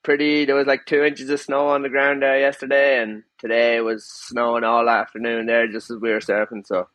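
A man's voice: medium pitch, completely flat delivery, brisk, a bit bright. A man from Sligo with a west of Ireland accent, chatting casually and easily as an interview guest. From Sligo, northwest Ireland. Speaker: surfer being interviewed as podcast guest. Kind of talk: casual chat.

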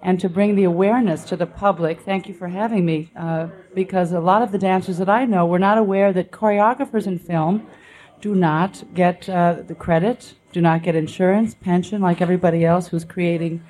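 Chatty woman guest, slightly low voice. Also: fairly even intonation, brisk, darkish tone, rough recording. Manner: chatty, with frequent um and uh fillers. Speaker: guest dancer. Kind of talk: casual interview talk.

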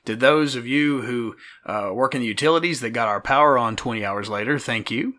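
A man in his late forties, hoarse and gravelly today, co-hosting a casual podcast and rambling with many fillers. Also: medium pitch, brisk, sharp tone. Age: 40s. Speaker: podcast co-host.

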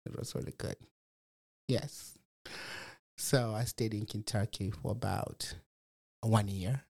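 A Malawian man, a resident guest on a program, tells his life story in a personal testimony interview. His voice sits on the low side with fairly even intonation, a slow pace, some creak and a slightly mellow quality. He sounds reflective and uses lots of fillers like "you know."

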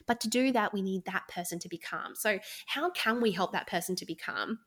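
A woman's voice: mid-range voice, a little fast, a bit bright, slightly rough. A woman in her thirties co-hosting a podcast, chatting casually and giving advice to parents as a sleep consultant, with frequent "um"s and laughs.

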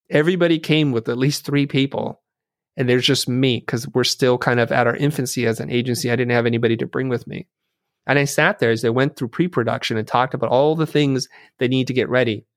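The speaker is an interview guest, a middle-aged designer and teacher whose first language is Vietnamese, telling stories in conversation earnestly and thoughtfully and often starting sentences over. His mid-range voice is fairly even and a little fast. The sound is studio quality with no echo.

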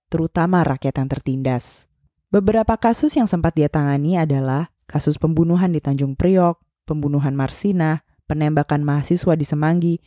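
A woman's voice: deep voice, warm tone, no room sound, studio quality. A woman with an Indonesian accent hosting a podcast and narrating a scripted account. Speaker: podcast host.

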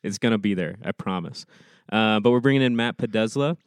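A man's voice: fairly low pitch, brisk, clean tone, no room sound. A man co-hosting a casual church podcast, upbeat and laughing easily. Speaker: podcast co-host, worship staff. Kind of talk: casual chat.

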